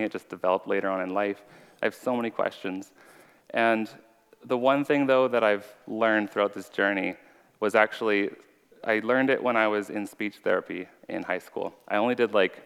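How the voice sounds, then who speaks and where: A man's smooth, low-leaning voice, touched with vocal fry and a little brightness, carries through a large reverberant room. He's giving an earnest, conversational sermon with personal testimony, an informal preacher who stutters slightly.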